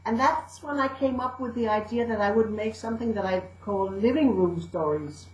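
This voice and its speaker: In an echoey room with poor audio, a Danish-accented woman talks casually in an interview, full of fillers and restarts. She works as a storyteller and educator, and her voice is on the high side and a little mellow at a moderate pace.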